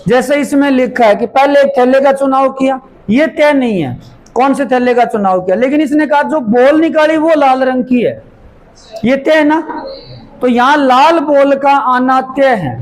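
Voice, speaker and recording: A man teaching a maths lesson, going through each step slowly and repeating it while he writes it out. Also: extremely high pitch, animated, low-quality recording. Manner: slow, repeats steps as he writes. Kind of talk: classroom lesson explanation.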